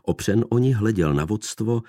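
A man narrating a literary novel in a measured, expressive way. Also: lowish voice, no room sound, studio quality. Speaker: audiobook narrator.

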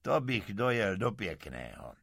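A man voicing a shrewd older carter in a folk tale, gruff and wary. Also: fairly low pitch, sing-song, fairly bright tone, dry recording, studio quality, exaggerated voice.

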